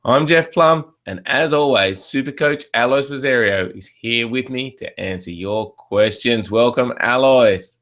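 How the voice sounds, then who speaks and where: An Australian man of ordinary pitch hosts a coaching chat show. He opens in a practiced way, then settles into relaxed, friendly banter. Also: measured pace, hardly any pauses. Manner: friendly, easygoing, scripted intro then banter. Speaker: show host. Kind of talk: casual chat.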